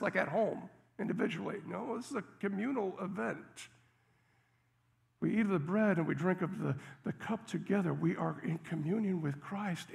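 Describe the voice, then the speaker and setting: A male pastor preaching a sermon and telling a story with lively emphasis. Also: a little high, vocal fry.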